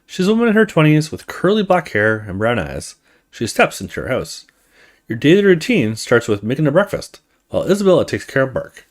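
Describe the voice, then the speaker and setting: A man hosting a let's play reads a horror story game aloud, his pitch roaming widely as he narrates. He blends the scripted text with offhand comments of his own, speaking in a sing-song way at a fairly quick clip.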